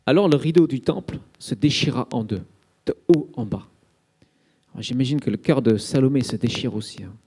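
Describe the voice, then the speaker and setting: With a warm, slightly rough mid-range voice at a fairly quick pace, this man delivers an Easter sermon as vivid storytelling. He dramatizes each scene and sprinkles in fillers such as "hein" and "euh".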